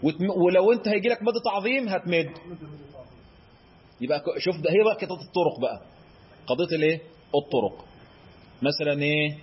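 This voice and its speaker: A man with an Egyptian Arabic accent gives a recitation lesson in a high, husky voice. He keeps quizzing his listeners and answering for them. The recording is dull and lo-fi. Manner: chants verse examples in a drawn-out recitation tone. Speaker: Quran recitation teacher. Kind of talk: explanatory lesson.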